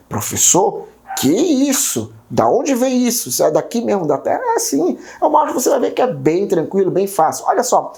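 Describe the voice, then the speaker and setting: Male teacher, Brazilian Portuguese accent, animated swooping pitch, explanatory video lesson. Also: creaky. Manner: explanatory, constant tag questions. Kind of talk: exam-prep video lesson.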